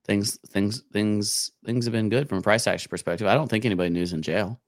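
Male podcast co-host with a smoker's rasp: low-pitched, casual and wry, recorded dry. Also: fairly quick, no room sound. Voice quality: smoker's rasp, voice rough and odd. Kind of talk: casual market chat.

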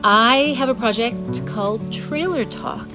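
A woman who runs a community conversation project, speaking reflectively with pauses. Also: fairly high pitch, music in the background. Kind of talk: interview statement.

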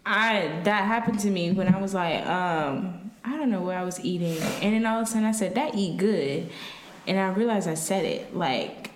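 A woman's voice: medium pitch, moderate pace, hardly any pauses. A sassy woman speaking bluntly in a casual group chat. The room around her is echoey. A faint hiss sits under her voice. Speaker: podcast co-host.

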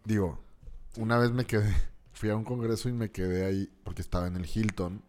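A man from Mexico, chatting in relaxed, slangy banter. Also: on the low side, brisk. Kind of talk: casual podcast chat.

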